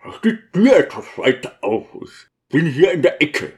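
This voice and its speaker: A man's voice: fairly high pitch, very animated, normal speed, darkish tone, pitched above the performer's own voice. A man voicing a grieving, stubborn deacon who grumbles in a sulky, weary way. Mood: grumbling.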